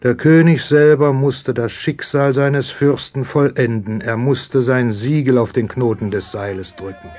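A man playing a loyal courtier who narrates a radio play in a solemn, deliberate way. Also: medium pitch, darkish tone, dull audio, close to an everyday voice. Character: loyal royal courtier recounting events as storyteller. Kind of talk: dramatised scripted narration.

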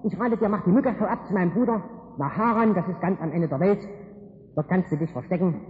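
A man's voice: high-pitched, a little fast, slight background noise, natural voice. A preacher playing a scheming mother warning her son in a retold Bible story, heard in an echoey hall over a tinny line. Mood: urgent.

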